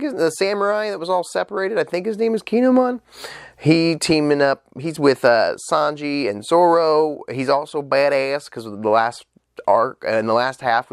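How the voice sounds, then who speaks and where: A young man with a mid-range, clear and resonant voice reviews an anime in a casual solo vlog, chatting eagerly through a stuffed-up nose. He uses loose fillers and swears now and then. The recording is studio quality with no echo.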